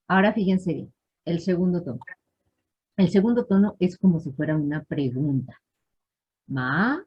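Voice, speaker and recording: A woman's voice: fairly low pitch, normal speed, breathy edge. A woman teaching a live class, explaining patiently and checking in often with her students. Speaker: language teacher. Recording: dull lo-fi online class audio.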